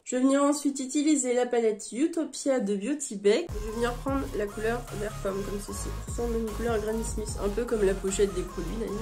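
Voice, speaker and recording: Woman talking through a makeup tutorial. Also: on the high side. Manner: relaxed, step-by-step explaining. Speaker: beauty vlogger. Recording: music playing behind the voice.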